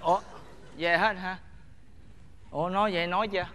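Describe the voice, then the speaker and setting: An actor playing a boisterous, tipsy old rural father with a Southern Vietnamese accent, loud and drawn-out. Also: sits high, steady tone, a crowd in the background, lightly acted. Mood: tipsy, eager.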